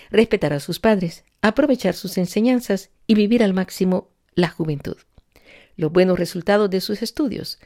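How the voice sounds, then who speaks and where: Lady hosting a faith podcast, soft mellow voice, gentle formal questions. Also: mid-range voice. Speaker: host.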